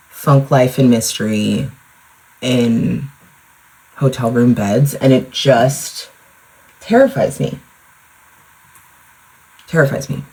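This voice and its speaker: A woman's voice: rumbling low, darkish tone, low-quality recording. A young woman, a mother, hosting her own podcast in a rambling, casual solo chat full of "like" and the odd swear word. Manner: chatty, rambling, lots of "like", with swearing. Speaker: podcast host. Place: at home, in front of a mirror.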